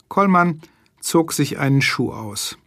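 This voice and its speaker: A man's voice: on the high side, takes it slowly, no echo, studio quality. Man reading a crime story aloud. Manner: lively narrating. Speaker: reader. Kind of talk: audiobook reading.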